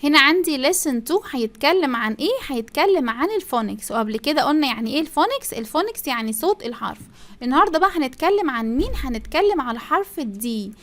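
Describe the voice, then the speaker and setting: A woman's voice: high voice, animated, quick pace, fairly bright tone. A woman with an Egyptian Arabic accent, teaching a first-grade English lesson, stretching out English phrases and drilling pupils to repeat after her. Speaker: primary school English teacher.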